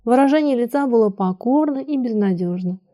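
A woman narrating a classic story in a measured, even storytelling voice. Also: on the high side. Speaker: audiobook narrator. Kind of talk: scripted literary narration.

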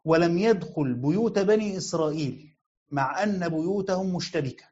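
A man's voice: fairly high pitch, fairly quick, a little mellow, lo-fi sound. A man with an Egyptian Arabic accent giving a lecture on Quran commentary. He asks questions and then answers them himself, and he repeats the key phrases. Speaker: sheikh teaching Quran commentary. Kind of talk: explanatory lecture.

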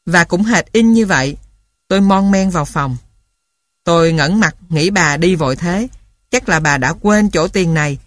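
A woman narrating a childhood story for an audiobook in a calm, even reading voice. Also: on the low side, no room sound.

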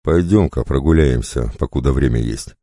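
Man playing a hoarse, terse male outlaw, growling and very deep, dark menace. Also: moderate pace, dry recording, studio quality. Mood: grim.

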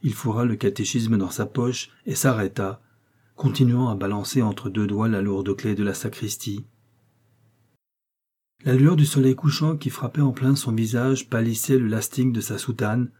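A man narrates a classic novel as an audiobook, in a measured and expressive reading. His voice is dark and mellow with a husky grain, at a middle pitch for a man. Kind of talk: literary narration.

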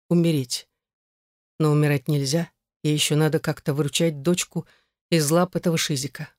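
An audiobook narrator with a mid-pitched voice reads a dramatic story. The recording is dry and close-miked, with no room sound. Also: darkish tone, dry recording.

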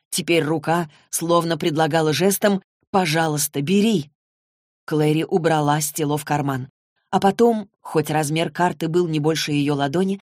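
A woman narrating a novel in an even, measured reading. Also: low voice, no room sound, studio quality. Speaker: audiobook narrator. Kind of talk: scripted narration.

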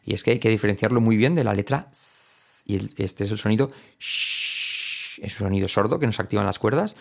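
A man from teaching English pronunciation, explaining in casual speech and repeating example words slowly. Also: fairly low pitch, animated, vocal fry. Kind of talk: spoken language lesson.

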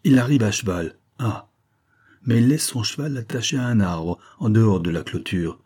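A man reading a novel aloud, voicing a sly, mocking nobleman who speaks calmly and sneers. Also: on the low side, normal speed, breathy edge, pitched above the performer's own voice. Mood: cold. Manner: cool and sneering.

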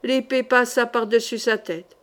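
A woman audiobook reader narrating a historical novel in a measured, dramatic storytelling manner. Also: fairly high pitch, fairly even intonation.

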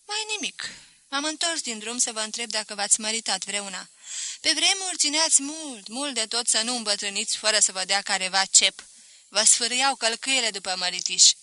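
Woman voicing cheeky young man, sly, mock-polite, bright tone, dry recording, audiobook. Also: on the high side, lively intonation, no echo. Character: cheeky limping young man, former servant.

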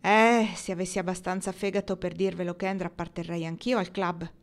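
A woman reading the part of an awkward, earnest young man confessing his feelings, speaking haltingly with pauses. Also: on the low side, level tone, natural voice. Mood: quiet.

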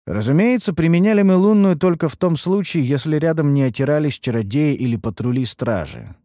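A man reading a first-person fantasy audiobook in an expressive, wry manner. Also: a little high, fairly quick, dry recording, clean studio sound. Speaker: audiobook narrator.

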